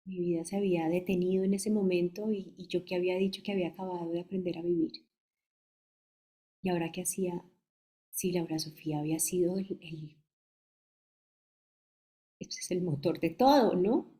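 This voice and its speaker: Colombian woman, halting emotional testimony. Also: lowish voice, steady tone, mellow. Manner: halting, emotional, restarts mid-phrase. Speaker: bereaved mother giving testimony. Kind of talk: personal testimony.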